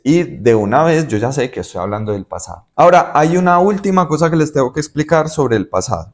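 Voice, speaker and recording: A man teaching English in Spanish, explaining patiently and repeating example words to demonstrate pronunciation. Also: fairly high pitch. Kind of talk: Spanish-language English lesson.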